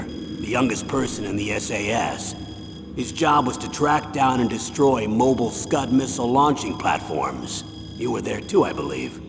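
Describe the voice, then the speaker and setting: An actor playing a stern, insistent veteran colonel with a gravelly voice, giving an authoritative military mission briefing in a video game. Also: male voice, medium pitch. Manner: measured, authoritative briefing delivery. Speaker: commanding officer. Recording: long reverb, music behind. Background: music.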